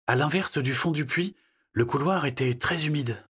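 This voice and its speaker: A man narrating a children's adventure audiobook in a lively storytelling manner. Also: a little high, moderate pace, breathy edge. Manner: lively storytelling, shifting into character voices.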